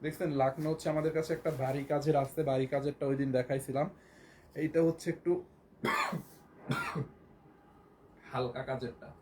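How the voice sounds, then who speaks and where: A hoarse man with a Bangladeshi Bengali accent, selling clothes on a live stream and repeating prices again and again. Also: a little high, level tone, fast, noisy background. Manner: repetitive, keeps repeating prices and urging viewers to buy. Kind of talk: live shopping sales pitch.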